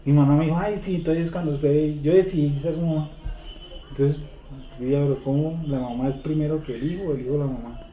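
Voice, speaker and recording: A man's voice: a little high, steady tone, slight background noise. Man teaching a Bible study group. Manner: asks the group questions, repeats verses slowly. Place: room with a seated group. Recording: echoey room over a tinny phone-like line.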